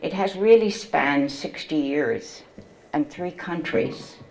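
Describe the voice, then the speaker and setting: A woman in her seventies, a memoir author reading from her book and telling her story to an audience in a slow, measured way. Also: deep voice, animated, gravelly, darkish tone, low-quality recording. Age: 70s.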